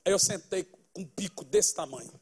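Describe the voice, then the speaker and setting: Very high-voiced pastor. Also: male voice, normal speed, slightly rough. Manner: animated storyteller, bursts of loud exclamation. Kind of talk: humorous preaching testimony.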